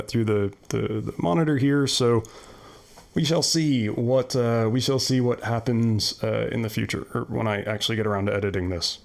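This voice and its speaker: A man's voice: mid-range voice, gravelly, darkish tone. A man casually demoing a new audio mixer in his video, rambling along with lots of fillers and restarts. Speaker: YouTube vlogger demoing a mixer. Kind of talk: casual equipment demo.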